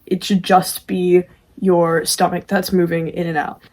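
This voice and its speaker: A woman's voice: lowish voice, level tone, a little slow, darkish tone, a little hiss or hum. Casual woman giving a tutorial. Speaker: amateur vocalist presenting a tutorial.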